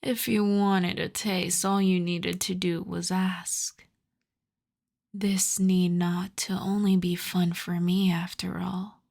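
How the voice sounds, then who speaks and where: A woman plays a seductive vampire countess in this intimate ASMR roleplay, her fairly low, gravelly voice drawn out very slowly with a flat delivery and heavy acting. Hungry and possessive, she shifts from soft speech to half-whisper, teasing as she wraps her commands in endearments laced with playful menace.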